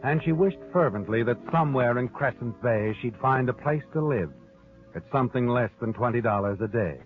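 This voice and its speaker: An actor playing a sinister, all-knowing storyteller in a theatrical 1940s radio mystery style. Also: male voice, mid-range voice, animated, moderate pace, natural voice. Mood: wry, brooding narration. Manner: ominous, theatrical. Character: the Whistler, sinister omniscient male storyteller of dark secrets. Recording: tinny band-limited old radio broadcast with music. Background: dramatic music.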